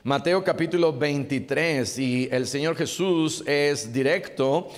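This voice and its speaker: A male pastor preaches earnestly, pressing his points home by repeating them. His voice sits a little high for a man. It rings out with a long reverb through a church hall. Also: slow pace. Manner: earnest, exhorting, repeats key phrases. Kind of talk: sermon.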